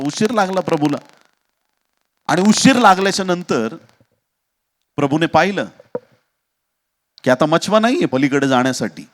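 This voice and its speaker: A man preaching a sermon as pastor, dramatic, with sudden shouts and acted quotes. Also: a little high.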